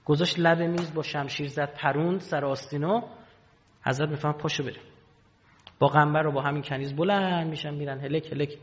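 Male preacher, emotive sermon storytelling, long hall echo, muffled lo-fi sound. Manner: emotive storytelling, dramatic swings in pitch and loudness. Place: hall with pulpit.

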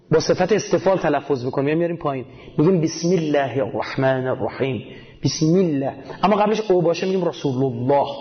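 A man giving a casual, colloquial religious talk, emphatic and full of rhetorical questions he answers himself, with homely everyday examples. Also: sits high. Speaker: religious speaker. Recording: dull lo-fi recording.

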